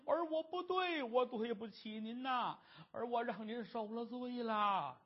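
Man doing remorseful ex-gambler son, husky pleading, lo-fi storybook. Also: very high-pitched, measured pace. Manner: pleading, sobbing apologies. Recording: dull lo-fi recording.

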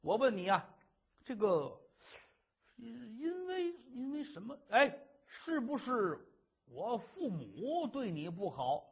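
A doting scholar husband, voiced by a male storyteller coaxes and blusters in a high, swooping, husky voice. He boasts of himself to calm his wife. The recording is dull and lo-fi. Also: heavily acted. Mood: coaxing. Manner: coaxing, blustering, quick-talking.

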